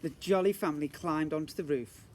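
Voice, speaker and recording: Briskly and in a slightly high voice with a darkish tone, a male teacher reads a storybook aloud to young kids outside in a garden. He adds playful questions and asides as he goes. Faint outdoor background noise is present.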